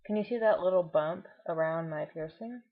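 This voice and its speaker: A woman with a lowish, husky voice talks casually to her viewers, explaining things and offering reassuring advice. Her tongue sounds swollen as she speaks. The recording is dull and muffled, like a lo-fi home video. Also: normal speed. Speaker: vlogger. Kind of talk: casual personal update to camera.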